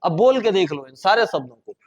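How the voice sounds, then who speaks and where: A man with a fairly high voice teaches a spelling lesson, drilling example words aloud and checking that his students follow. The recording sounds a little dull and lo-fi. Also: sing-song, fairly quick. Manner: explanatory, repeats words aloud with stressed sounds, checks understanding. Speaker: Hindi grammar teacher. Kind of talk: classroom lesson explaining spelling and pronunciation.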